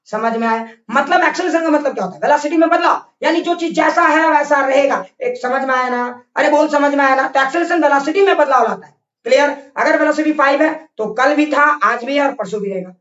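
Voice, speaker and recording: A man's voice: extremely high pitch, fast, a bit bright, roomy sound, distant mic, dull audio. A male physics teacher giving an online class lecture, drilling points over and over and scolding students with constant check questions.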